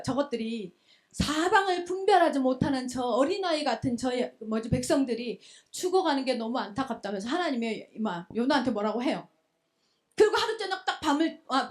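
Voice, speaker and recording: A woman preacher telling a scripture story to young adults, lively and full of rhetorical questions, in a church. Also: sits high. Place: church hall.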